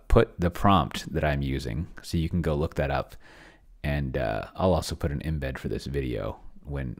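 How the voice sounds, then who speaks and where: With a gravelly bass voice, a video host and solo tabletop roleplayer thinks aloud over a screen share from his computer indoors. He's casual, rambling, and hesitant, and his humour is wry and self-deprecating.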